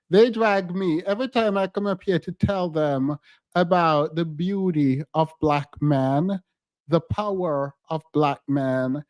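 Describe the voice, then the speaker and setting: In casual livestream chat, a non-native English-speaking man teases playfully and lengthens emphatic words. His fairly high voice has a darkish tone and he takes it slowly, in a dry recording.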